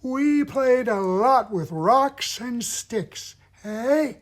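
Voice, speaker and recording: A man's voice: very high-pitched, expressive, voice pushed up, full character voice. A man doing an airy, wheezy old man. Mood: gruff. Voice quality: airy, tight-throated. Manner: wheezy, halting, gruff grumbling. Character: cranky old man reminiscing to a kid. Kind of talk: puppet voice demonstration.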